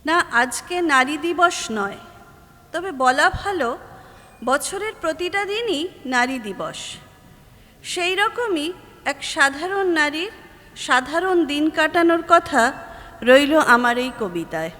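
Brief: Bengali-accented woman, stage poetry reciter, high voice, long hall reverb. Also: big pitch swings, bright, forceful tone. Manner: slow, dramatic recitation with refrain. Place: auditorium stage.

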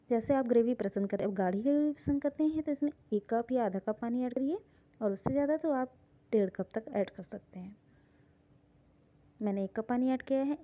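Female cooking host, calm instructive voice-over, slightly high pitch, lo-fi phone audio. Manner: calm, instructive, repeats "hum" often. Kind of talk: step-by-step recipe voice-over. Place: home kitchen.

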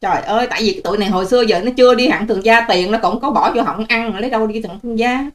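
An older woman rants straight to her viewers, scolding and sarcastic. Her voice sits a little high, and she fires off her words at a rapid clip. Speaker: online channel host. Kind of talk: ranting vlog monologue to viewers.

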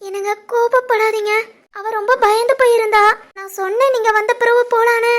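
Casting: woman playing a meek, pleading young wife in a cartoon, extremely high voice. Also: fairly even intonation, moderate pace. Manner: pleading, anxious. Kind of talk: animated family drama voicing.

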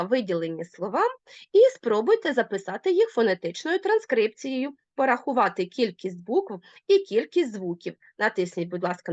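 A woman teacher giving a recorded online lesson, explaining clearly and deliberately, step by step. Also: fairly high pitch, a little mellow, no room sound, dull audio.

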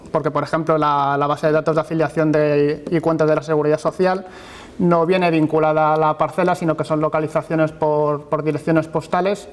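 A man presenting a research project at an academic seminar, often repeating words as he searches for the next phrase. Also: on the high side. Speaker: university lecturer presenting research. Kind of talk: academic conference talk. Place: lecture hall with projected slides.

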